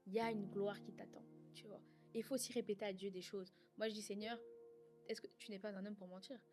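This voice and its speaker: A woman's voice: medium pitch, steady tone, fast talker, a little mellow, faint music behind. A woman co-hosting a casual faith conversation, talking earnestly and growing fervent about prayer. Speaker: podcast co-host.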